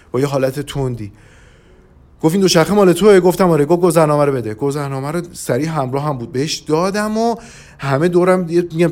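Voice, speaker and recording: Male podcast storyteller, a touch high-pitched, rambling and hesitant as he recounts a trip. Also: darkish tone. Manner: rambling, with frequent hesitations and restarts. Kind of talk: casual first-person travel storytelling.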